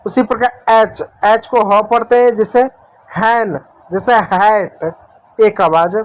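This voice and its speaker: A man teaching young children letter sounds in a patient, repetitive way, slowly sounding out letters and speaking to the children directly and affectionately. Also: sits high, no room sound, low-quality recording. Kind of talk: phonics lesson for young children.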